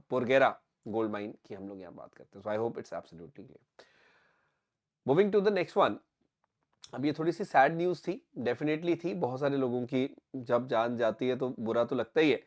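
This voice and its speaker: In a current affairs lesson aimed at exam candidates, a young Indian man with a mid-range voice breaks the material down step by step. He keeps checking for clarity and drops English phrases into his speech.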